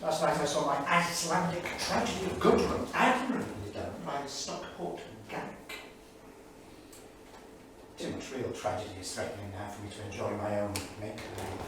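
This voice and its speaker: Playing a 1938 English intellectual diarist who is grave and anguished, a male actor reads aloud with measured, erudite emphasis, lightly acted at a medium pitch, his mood grave and indignant. This theatrical diary reading was recorded from far off in an echoey small theatre studio indoors, with faint noise.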